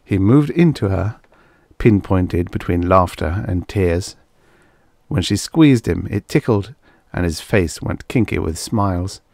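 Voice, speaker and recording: Literary science fiction is narrated by a man whose low voice carries vocal fry, his reading measured, expressive and carefully phrased. It's a dry, studio-quality audiobook recording.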